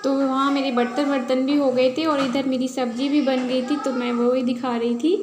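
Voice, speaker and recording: A woman's voice: high-pitched, little pitch movement, normal speed, echoey room, loud music behind the voice. A woman chatting casually through a home vlog while making tea and cooking, rambling as she goes. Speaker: vlogger. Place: home kitchen.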